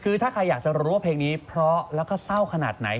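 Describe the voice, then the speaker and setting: A man co-hosting an entertainment news show, reacting with lively exclamations and polite particles. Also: a little high, very fast, a loud crowd.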